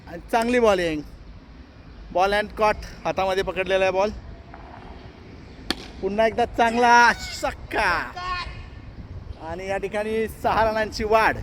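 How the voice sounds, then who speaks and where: High-voiced man doing playful cricket commentary. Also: steady tone, normal speed, a little hiss or hum. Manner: playful, announcer-like, upbeat. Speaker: vlogger and match commentator. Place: outdoor cricket ground.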